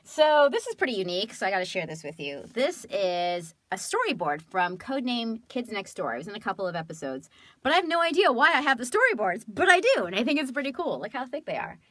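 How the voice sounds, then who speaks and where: A woman's voice: on the high side, fast talker, no room sound. A woman in her thirties from California, a voice actress chatting casually and animatedly as she shows off keepsakes. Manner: animated, chatty, laughing often. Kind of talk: casual show-and-tell vlog.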